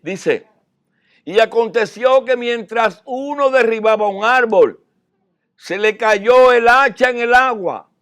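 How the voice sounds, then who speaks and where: Preacher, male, high voice, sermon that swings from hushed to loud.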